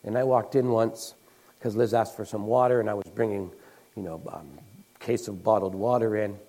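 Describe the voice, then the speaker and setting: A man's voice: fairly low pitch, fairly even intonation, moderate pace, dark tone, rough recording. A man preaching a conversational sermon, telling stories in a folksy way with fillers and restarts, acting out the people he quotes.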